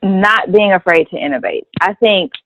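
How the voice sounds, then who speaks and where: A dry, narrow, phone-like recording of a woman on a discussion panel. She lays out her opinions deliberately and articulately, in a conversational style. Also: mid-range voice, fairly bright tone, no room sound. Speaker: panel guest.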